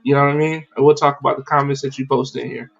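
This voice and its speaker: A man hosting a casual livestreamed podcast, talking in an animated, slangy and profane way with many fillers. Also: medium pitch, rapid-fire, gravelly, dull audio. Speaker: podcast host.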